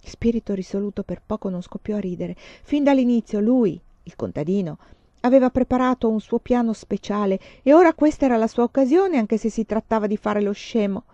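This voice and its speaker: A woman reading a novel aloud in lively, dramatic storytelling. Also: on the high side, brisk, dry recording, highs cut off. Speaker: reader. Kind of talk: audiobook narration.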